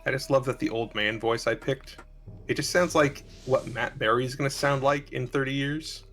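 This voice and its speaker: A man's voice: mid-range voice, steady tone, normal speed. A man talking casually with friends about games. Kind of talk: casual chat among friends over gaming. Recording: loud game music behind the voice. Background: music.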